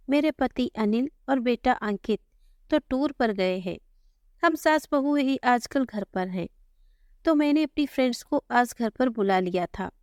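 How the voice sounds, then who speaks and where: A woman with a fairly high voice tells a family story in the first person, gently and conversationally. She keeps her own tone when she voices the dialogue. The close microphone gives a dry sound with no room echo.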